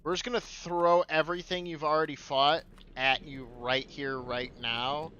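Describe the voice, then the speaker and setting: A man's voice: a little high, steady tone, moderate pace, pushed and bright, clear, resonant tone, dull audio. A young man streaming a shooter game, complaining and swearing as he plays. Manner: profane, complaining, sardonic. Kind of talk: casual gameplay commentary.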